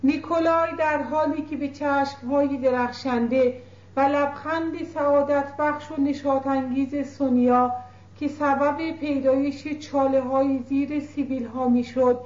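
Woman, audiobook narrator, measured reading, roomy dull tape sound. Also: sits high, steady tone, darkish tone. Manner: measured literary reading, voices characters lightly.

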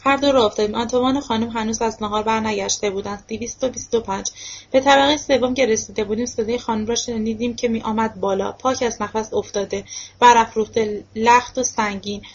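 A woman reads a novel aloud for an audiobook in a steady first-person voice, at an even and unhurried pace. Her voice is fairly high and husky, and the recording sounds dull and muffled, almost lo-fi.

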